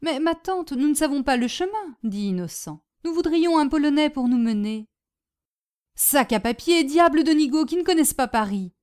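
A woman voicing an excitable, bossy older landlady who scolds loudly and theatrically. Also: high-pitched, normal speed, pitched above the performer's own voice. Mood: brusque.

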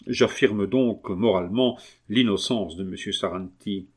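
Male audiobook reader voicing earnest gentleman, persuasive, measured, fairly low voice. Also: husky. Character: earnest determined man of reason, calm and persuasive. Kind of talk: audiobook reading.

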